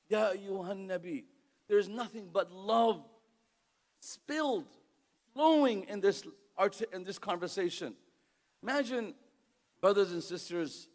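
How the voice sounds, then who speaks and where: An Islamic preacher with a high voice delivers an impassioned sermon in a lecture hall. The large space gives his words a long reverb, and his Arabic recitation flows fast and fluently.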